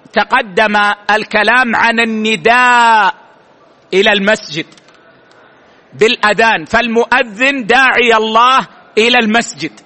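Male religious teacher: high, bright voice, deliberate explaining. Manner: slow and deliberate, repeats key words. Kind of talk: religious lesson commentary.

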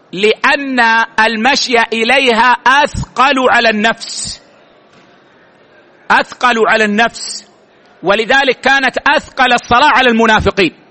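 High bright guy teaching a religious lesson, slow, keeps repeating words.

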